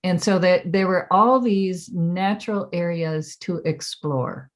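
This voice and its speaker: Slow-spoken older American woman, oral history interview. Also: on the low side. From Minnesota, United States. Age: 70s. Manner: halting, reflective recollection.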